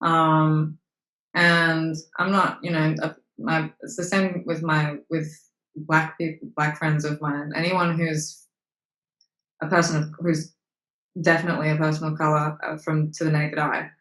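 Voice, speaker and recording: A young Australian actress and model, interviewed as a guest, speaks candidly with casual swearing and plenty of fillers. Her voice sits low, with little pitch movement, a measured pace and a fairly bright tone. The recording has a roomy echo.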